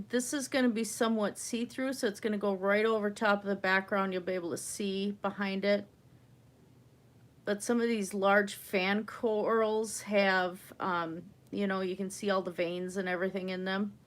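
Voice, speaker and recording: A woman with a slightly wheezy breath, chatting casually as she hosts an art livestream. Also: medium pitch. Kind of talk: casual chat while painting.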